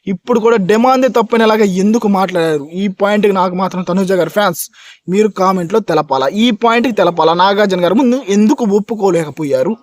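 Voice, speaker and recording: A man delivers a reality-show review at a rapid clip, his voice sitting high. He is emphatic and keeps hammering his points home to the audience. The sound is close and dry. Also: a little mellow, no room sound. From India. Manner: emphatic, talks straight to fans, repeats points. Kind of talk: fast opinionated review monologue.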